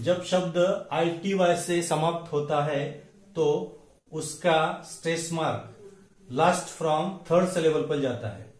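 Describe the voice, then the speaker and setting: A man gives a slow, deliberate pronunciation lesson, spelling out words letter by letter. His voice sits a little high for a man, and every phrase comes out unhurried and careful. The sound carries a clear echo from the room. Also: darkish tone. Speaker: English pronunciation teacher. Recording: echoey room.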